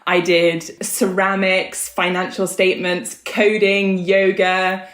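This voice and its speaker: In a roomy, echoey recording, a US-born woman who grew up in Hong Kong, aged somewhere in her thirties or forties, shares her story openly and casually as a podcast guest. She speaks slowly, in a medium pitch with little pitch movement and a fairly bright tone.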